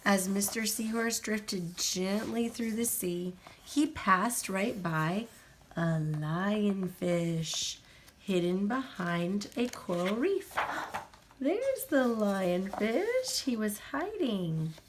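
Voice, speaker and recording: An adult woman with a mid-range voice reads a children's picture book aloud, taking her time. Her delivery is gentle and sing-song, with big swings in pitch, and she pauses to point things out to a little listener at home. A faint hiss or hum sits in the background.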